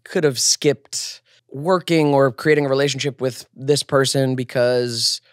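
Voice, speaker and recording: A man's voice: mid-range voice, fairly even intonation, unhurried, no room sound, clean studio sound. A man in his thirties hosting a podcast, talking in a reflective, loose way with restarts. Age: 30s. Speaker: podcast host. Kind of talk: casual conversation.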